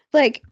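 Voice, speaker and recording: A woman's voice: no echo, lo-fi sound. A married woman co-hosting a podcast, chatting casually, laughing often and acting out her own reactions. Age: adult, married. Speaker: podcast co-host. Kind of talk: casual chat.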